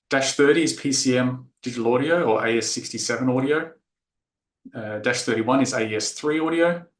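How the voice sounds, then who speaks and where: Man from Australia, mid pitch, presenting a tech talk in a roomy conference space; steady explainer with fillers. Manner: explanatory, filler-heavy delivery. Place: conference room. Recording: echoey conference room.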